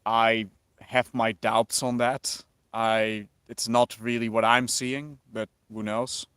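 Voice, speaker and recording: Slow and relaxed, a Dutch man with a mild accent reads out his viewers' livestream questions and reflects on them. His mid-range voice is clear and resonant, recorded at studio quality without echo.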